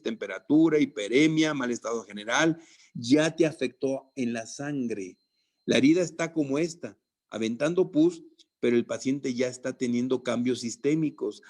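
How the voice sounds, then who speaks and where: A man lecturing nursing students, lively and joking, with theatrical asides and mock threats. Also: mid-range voice. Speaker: medical lecturer.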